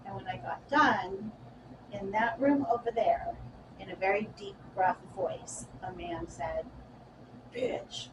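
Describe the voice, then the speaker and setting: Animated woman telling a ghost encounter. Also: medium pitch, measured pace. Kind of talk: casual storytelling. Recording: distant mic with loud background noise.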